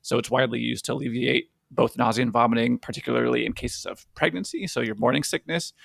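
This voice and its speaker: Gravelly, husky-voiced man explaining science. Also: medium pitch, fast talker, fairly bright tone, dry recording, clean studio sound. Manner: explains science plainly, laughs easily. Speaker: podcast co-host, physician. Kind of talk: casual podcast chat.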